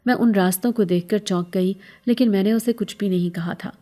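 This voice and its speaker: A woman narrating a first-person horror story in a steady, sorrowful storytelling manner. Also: medium pitch.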